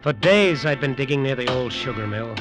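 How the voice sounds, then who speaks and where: On an old radio recording with music, a man with a natural, medium-pitched voice plays a desperate, greedy resort builder in a suspense drama. He narrates his own downfall fairly quickly and expressively, in an intense, hard-boiled style that feels tense and brooding.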